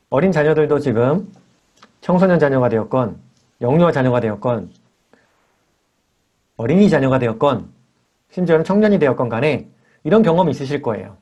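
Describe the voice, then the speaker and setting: A man teaching a character-training lesson for children and parents at church, lively and acting out little dialogues with kids, speaking over a video call. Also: medium pitch.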